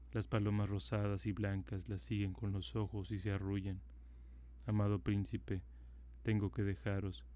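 A man voicing a kind-hearted little female swallow in a calm storybook reading. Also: on the low side, close to an everyday voice.

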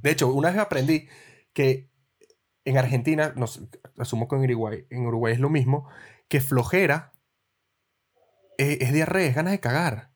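A man's voice: medium pitch, moderate pace, long pauses. A Venezuelan man co-hosting a casual, jokey podcast chat. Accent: Venezuelan Spanish. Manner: relaxed, jokey, laughs often. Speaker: podcast co-host.

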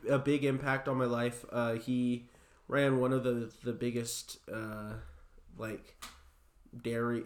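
A young man being interviewed, telling a personal story in a halting way full of fillers. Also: medium pitch, darkish tone. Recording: roomy echo.

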